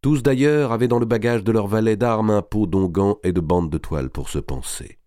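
A man reading a historical novel aloud as audiobook narration, measured and expressive. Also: fairly low pitch, no room sound, studio quality.

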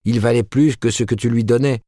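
A man's voice: sits low, brisk, a little mellow, dry recording, clean studio sound, voice pushed up. A man voicing a worn-out working-class wife who speaks wearily and plaintively. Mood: weary, plaintive. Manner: weary, plaintive.

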